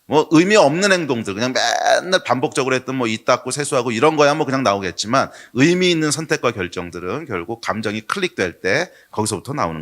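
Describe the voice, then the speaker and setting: A middle-aged male pastor delivering a sermon in a church. His pitch swings widely as he tells a story, now and then bursting into loud acted-out lines. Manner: lively storytelling sermon, bursts into shouted quotes. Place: church sanctuary.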